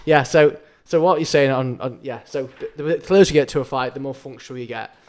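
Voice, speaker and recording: A man's voice: mid-range voice, brisk, darkish tone. A man interviewing someone in a casual, informal and agreeable way.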